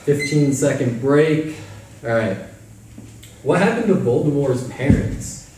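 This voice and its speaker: Guy hosting a workout, slow easy talk, counting down sets, echoey room a ways off the mic. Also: medium pitch, expressive, recorded from a distance, noisy background. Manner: calls out exercise timing between trivia questions. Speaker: workout host asking trivia. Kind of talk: casual chat during a live workout.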